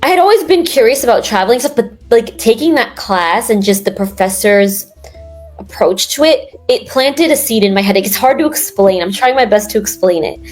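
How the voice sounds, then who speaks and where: A woman's voice: on the high side, lively intonation, moderate pace, a little mellow, soft background music. A young woman from New York in a casual interview, talking in a rambling way with lots of fillers and restarts. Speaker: guest.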